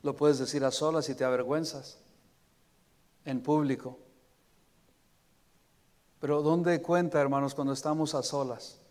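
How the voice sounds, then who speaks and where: A man preaching a sermon as pastor, moving between emphatic exhortation and soft, prayerful words. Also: on the high side, fairly even intonation, unhurried, long pauses. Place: church sanctuary. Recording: long reverb of a church hall.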